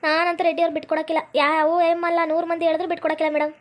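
A wronged wife, played by a woman, pleading and whining in a very high voice. Her North Karnataka Kannada accent rushes along quickly. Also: level tone.

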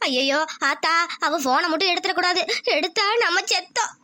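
A woman's voice: very high voice, a little fast, sharp tone, no room sound, clean studio sound. A woman voicing an anxious young village wife in a cartoon, fretting in a panicky way.

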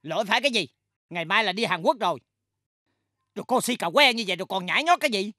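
Exasperated woman boss, bright and dry. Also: mid-range voice, animated, fast, no room sound. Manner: dramatic, scolding, exasperated. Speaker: boss of a music company. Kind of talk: sitcom acting.

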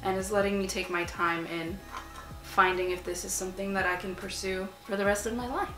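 Sitting on a couch in a small room at home, a young Arabic-speaking artist and vlogger in her 20s chats through a Q&A while she paints. Her mid-range voice is brisk and relaxed, peppered with "like." The roomy, rough recording from a camera a few feet off has music underneath.

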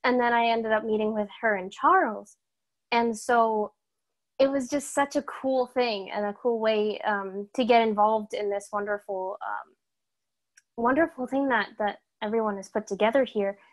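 Speaking at a normal speed in a slightly high voice, this young adult guest performer from Massachusetts, USA, gives a casual self-introduction on a laptop video call. She sounds upbeat and energetic, chatty and full of fillers.

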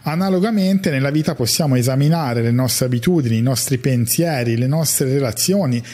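A man in his forties, a psychologist, giving a measured, reflective talk to camera on a studio mic in a small bright room. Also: medium pitch. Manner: measured, reflective, gestures while talking. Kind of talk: calm explanatory monologue to camera. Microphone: large studio mic on a stand in front of him.

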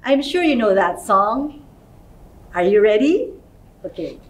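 Slow, high-voiced woman teaching as if to toddlers. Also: sing-song, far from the mic. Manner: simple questions to young children, encouraging, sing-song. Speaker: early childhood educator, children's show host. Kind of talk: children's lesson, talking as if to a toddler. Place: indoor playroom-style studio, seated.

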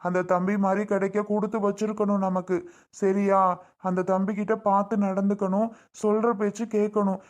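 A woman voicing an older father who gently advises his daughter as she leaves home. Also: medium pitch, little pitch movement, moderate pace, natural voice. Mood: tearful. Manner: tearful, pleading, gentle advice. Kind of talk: family skit acting.

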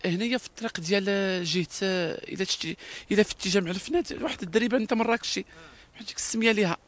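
A man's voice: sits high, very fast, fairly bright tone. A man with a Moroccan Darija accent, speaking in an interview with emphatic, repetitive talk and frequent restarts.

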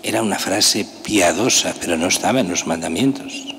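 Deep-voiced older priest in a church. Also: male voice, moderate pace. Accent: Spanish. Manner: conversational, emphatic, rhetorical questions. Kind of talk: sermon. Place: large church. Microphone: gooseneck lectern mic. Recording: long church reverb, faint hiss.

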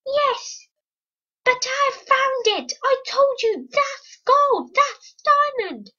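A shrill, squeaky little braggart, as a woman puts on the voice, insisting over and over that it found the prize itself. The voice is bright and pinched, and the recording is dull and lo-fi. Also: expressive, drawn-out words, exaggerated voice. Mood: boastful.

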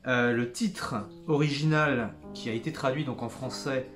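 A man's voice: mid-range voice, steady tone, moderate pace, over music. Hesitant man reviewing a book. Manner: hesitant, many fillers and restarts; jokes about his own English accent. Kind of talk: casual spoken book review.

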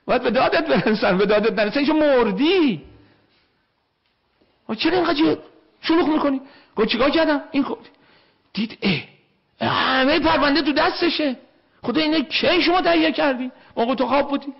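A man telling an anecdote in lively storytelling style, acting out the people in it with an Iranian Persian accent, on a dull lo-fi recording. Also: very high-pitched, creaky, pauses often. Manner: animated storyteller acting out quoted voices.

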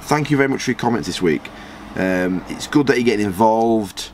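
A gaming channel host chats in a rambling way about a football management game and reads out viewer comments from a small storeroom. His voice is animated, jumping quickly in pitch when he's surprised, and there's a little hiss or hum.

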